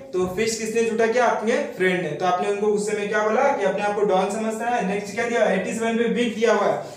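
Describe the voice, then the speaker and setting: A man teaching memory tricks and asking questions he then answers himself, in a steady explaining manner. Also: sits high. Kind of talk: mnemonic lesson for students. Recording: very echoey room, mic far off.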